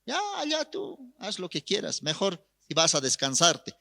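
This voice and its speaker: A man's voice: fairly high pitch, very animated, measured pace, gravelly, pushed and bright, long reverb tail, full character voice. A man voicing stern, dismissive police officers in a sermon story, curt and scolding.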